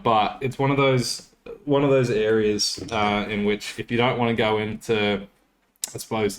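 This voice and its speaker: Here a young adult Australian podcast co-host rambles through casual chat, frequently correcting himself mid-thought. His voice sits on the low side with a fairly bright tone, and there's a little hiss or hum.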